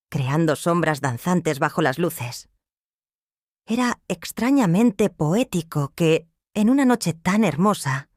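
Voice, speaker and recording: A woman narrating a dramatic first-person story in a measured, serious way. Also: fairly low pitch, darkish tone, no room sound, clean studio sound.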